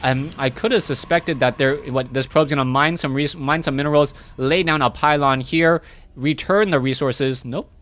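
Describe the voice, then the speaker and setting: A man casting a strategy game match live, narrating each move as it happens. His voice sits a bit high for a man. He talks in a loose, chatty way, restarting phrases and correcting himself as he goes. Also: normal speed, a bit bright, dry recording. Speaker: esports caster. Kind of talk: live play-by-play game commentary.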